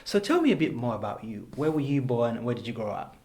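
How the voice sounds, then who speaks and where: A man's voice: mid-range voice, very animated, fast, a little mellow. A man hosting an interview podcast, effusive and enthusiastic, often affirming what his guest says. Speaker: podcast host. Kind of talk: interview conversation.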